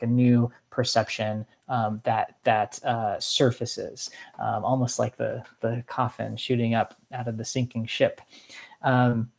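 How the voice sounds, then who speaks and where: A mid-pitched voice of a literature teacher delivering an informal lecture. The speaker rambles in a reflective, professorial way, thinking through each point aloud. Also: a little mellow.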